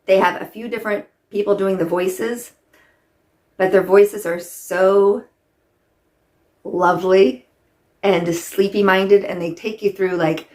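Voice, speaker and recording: A woman's voice: medium pitch, fairly even intonation, slow pace, pauses often, darkish tone. A middle-aged woman chatting casually to camera while doing her makeup, rambling and filling her talk with "like". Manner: rambling, chatty, many "like" fillers. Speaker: vlogger.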